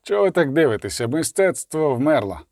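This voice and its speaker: A man's voice: a little high, big pitch swings, normal speed, no echo, clean studio sound. A man reading aloud voices a stern, authoritative male commander who speaks firmly and decisively. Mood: commanding. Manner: firm, loud and decisive.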